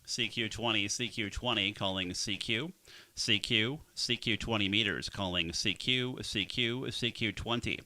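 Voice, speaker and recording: A man from Minnesota making a ham radio CQ call, slowly repeating a call sign in the phonetic alphabet. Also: fairly low pitch, sharp tone, slight background noise. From Minnesota, USA. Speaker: ham radio operator hosting the stream. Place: home radio shack.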